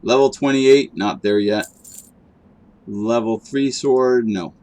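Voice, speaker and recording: Guy streaming a game at his desk, rambly, lots of uh and um, normal pitch. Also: fairly even intonation, slow pace, darkish tone. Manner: rambling, with many fillers and restarts. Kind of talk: casual chat while gaming.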